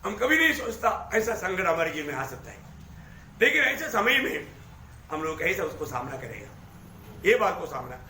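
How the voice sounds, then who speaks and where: A man preaching a sermon to a congregation, animated, calling out and rising to shouts. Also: sits high, normal speed, slight background noise. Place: church hall with congregation. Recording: echoey hall.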